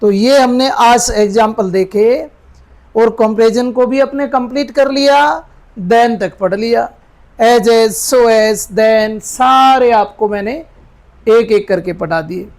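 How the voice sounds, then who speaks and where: A man teaching an English grammar lesson, patiently dictating words slowly and checking that his students follow. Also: extremely high pitch. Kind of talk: Hindi-medium grammar lesson.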